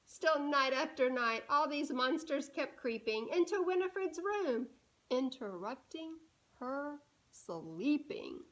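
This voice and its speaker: Here a woman with a high voice brings a children's story to life, speaking expressively and deliberately and pausing to pose questions to the young audience. Audio quality is poor.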